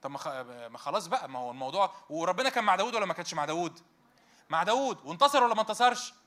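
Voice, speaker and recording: A man's voice: high-pitched, rapid-fire. A man in his thirties or forties with an Egyptian Arabic accent, preaching a conversational sermon to a youth meeting and firing rhetorical questions at his listeners. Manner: animated, fires rhetorical questions at the audience.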